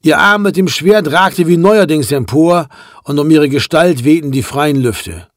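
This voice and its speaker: A man reads a classic novel aloud in a measured, even narrating voice. His pitch sits somewhat high for a man, and the recording is dry and close with no room sound. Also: no room sound. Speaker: audiobook narrator. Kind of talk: scripted literary narration.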